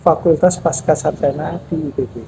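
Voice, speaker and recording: A man in his fifties, head of a national park office, answering interview questions in a measured, explanatory way with frequent pauses and fillers. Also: on the high side, steady tone, gravelly, dark tone. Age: 50s. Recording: noisy background with passing vehicles.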